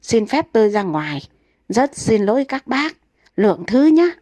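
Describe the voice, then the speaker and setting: A woman's voice: fairly high pitch, sing-song, normal speed, dark tone, no echo. Woman reading as a grumpy old husband, snappish, stubborn, dry close sound, comic storybook. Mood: stiffly polite. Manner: snapping, exasperated retorts.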